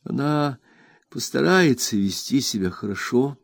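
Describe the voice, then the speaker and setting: A man's voice: mid-range voice, expressive, unhurried, vocal fry, no room sound, pitched above the performer's own voice. A man voicing a desperate young woman who begs to be let go. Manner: desperate, trembling pleading. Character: desperate young woman begging to leave town.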